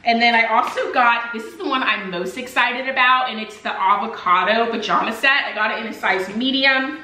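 Young female vlogger, bright upbeat chatter, casual haul talk, roomy kitchen sound. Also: a little high, brisk. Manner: upbeat, chatty, addresses viewers as "you guys". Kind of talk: casual haul video chat. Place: home kitchen, indoors. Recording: echoey room.

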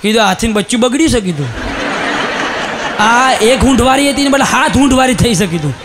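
A man with a Gujarati accent telling a comic story on stage, animated and shouting punchlines as he acts out the people in it. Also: very high-pitched, a little fast, background noise. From Gujarat, India. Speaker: stand-up comedian.

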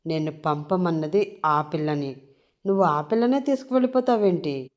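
Arrogant male villain boss, loud and threatening, sneering, voiced by a female narrator in an audio drama. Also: sits low, moderate pace, lo-fi sound, natural voice. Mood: harsh.

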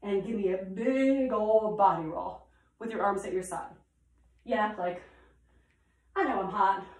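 Lady dance teacher calling out steps nice and slow, chatty, echoey room at home. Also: medium pitch, a little mellow. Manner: calls out steps in rhythm, chatty asides. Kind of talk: counting through a dance combination.

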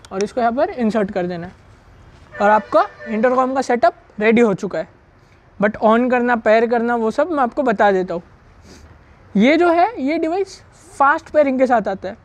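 In a fairly high, slightly mellow voice, a woman casually chats while installing a product step by step. She's a gear reviewer who explains things hands-on as she works.

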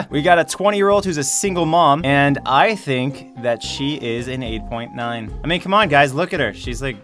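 A man's voice: mid-range voice, moderate pace, fairly bright tone, faint music behind. A young man hosting a casual vlog, sarcastic and mocking as he talks to the camera indoors. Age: young adult. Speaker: YouTuber.

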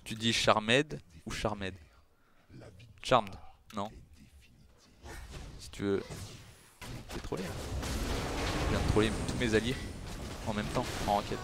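A man's voice: lowish voice, steady tone, a little slow, vocal fry, long pauses, fairly bright tone. Chatty young man streaming a game. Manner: chatty, teasing, answering chat. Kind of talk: casual gameplay commentary with chat.

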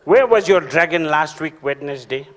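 A man's voice: a little high, lively intonation, moderate pace. A man with a Durban Indian South African accent doing live comedy dialogue on a theatre stage, questioning in an exasperated way. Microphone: handheld microphone.

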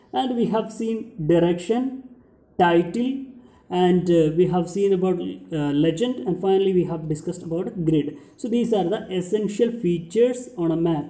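A young man with a high, very mellow voice gives a lecture like a schoolteacher. He explains each point and then restates it. The room adds noticeable echo. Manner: lecturing, explanatory, repeating and rephrasing key points. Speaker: geography teacher. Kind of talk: slide lecture. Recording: roomy indoor echo.

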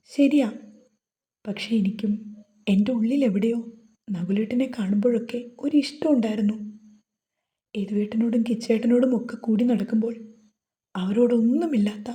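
A woman's voice: fairly high pitch, dark tone, close to an everyday voice. A woman voicing a shy, emotional young wife who pleads earnestly in a romance novel reading.

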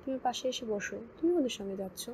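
A kindly young woman speaking softly and soothingly, voiced by a woman narrator. Her tone is warm and dark with a gravelly texture. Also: on the high side, lively intonation, quick pace, slight background noise, low-quality recording. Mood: gentle. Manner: soft, gentle, near-whispering.

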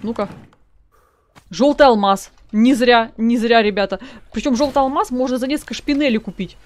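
A woman's voice: fairly high pitch, moderate pace. A woman giving casual gameplay commentary as a let's play gamer, chatting to her viewers and reading in-game notes aloud.

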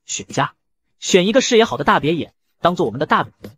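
A man's voice: on the high side, big pitch swings, fast talker, a bit bright. A man voicing a cold, aloof young man with lightning powers in a comic retelling, speaking curtly and bluntly. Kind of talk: storytelling narration of a comic.

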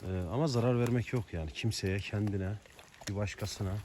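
A man's voice: on the low side, steady tone, brisk, a little mellow. Man, casual farm vlog, affectionate and coaxing, outdoors, faint background noise. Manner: coaxing and affectionate with animals, firm commands. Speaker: farm vlogger with horses and dogs. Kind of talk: casual talk to animals and viewers.

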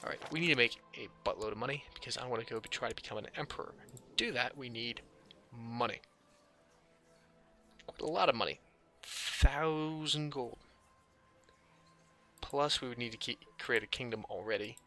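A gaming video host gives casual gameplay commentary, musing aloud in a dry, offhand way. His mid-range voice is sharp and slightly scratchy, at a moderate pace with long pauses, and music plays under it.

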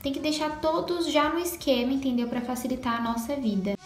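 A woman's voice: high-pitched, a little fast. A young Brazilian woman chatting to viewers while showing a phone tutorial, checking in with them often. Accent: Brazilian Portuguese. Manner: chatty, talks straight to viewers with lots of "tá?" and "né?". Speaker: lifestyle vlogger. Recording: echoey room with background music.

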